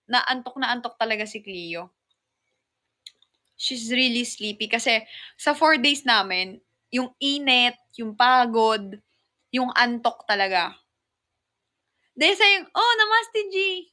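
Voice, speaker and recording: A woman chats live to her viewers in a high, bright, sparkling voice. She tells her story with animated energy, switching easily between English and Tagalog and breaking off to greet people by name. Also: unhurried, long pauses. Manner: chatty, mixes English and Tagalog, calls viewers "mahal". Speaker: live-stream host. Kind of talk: casual live-stream chat.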